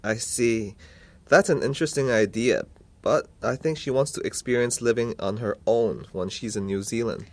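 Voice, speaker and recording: In a scripted listening-test dialogue, a man plays a polite, concerned uncle seeking advice for his niece, asking questions with curiosity. His natural, mid-range voice has a darkish tone and a moderate pace.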